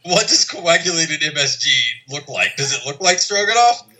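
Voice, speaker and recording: A man trades casual jokes as a podcast co-host. His voice is fairly high and very bright, with lively intonation and a halting comic delivery. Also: rough recording.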